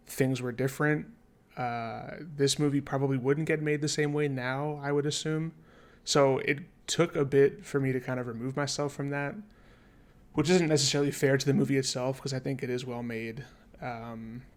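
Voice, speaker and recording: A young man co-hosting a casual podcast, rambling through a movie review with plenty of fillers. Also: medium pitch. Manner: easygoing, rambling, many fillers. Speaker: podcast co-host.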